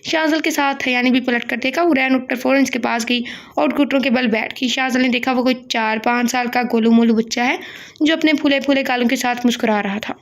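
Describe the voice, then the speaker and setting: A woman's voice: sits high, steady tone, brisk. A woman reading a romance novel aloud, adding chatty asides to her listeners. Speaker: novel reader.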